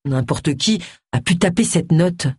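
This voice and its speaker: A woman's voice: fairly low pitch, lively intonation, a little slow, darkish tone, slightly rough, no echo, clean studio sound, exaggerated voice. A woman voicing a bossy, impatient middle-aged woman detective who talks bluntly and insistently. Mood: probing.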